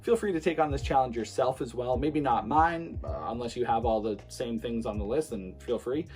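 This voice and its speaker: Speaking to camera with a medium-pitched voice at a moderate pace, this relaxed streamer and vlogger in his 20s rambles, filling his talk with fillers and restarts. Faint music can be heard in the background.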